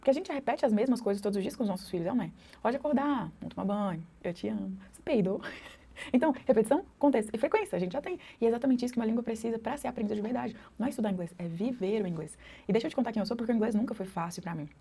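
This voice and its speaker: Quick, husky Brazilian woman vlogging. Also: a little high, mellow. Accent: Brazilian Portuguese. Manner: chatty, often adding tag questions. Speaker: English teacher and mother. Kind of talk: talking-to-camera vlog.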